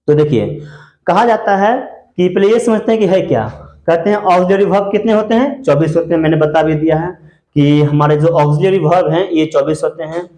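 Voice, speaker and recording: A male teacher with a high voice gives a grammar lecture at the board, asking questions and answering them himself. He says words slowly and repeats them. The echo of the classroom rings around his voice. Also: mellow. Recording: echoey room.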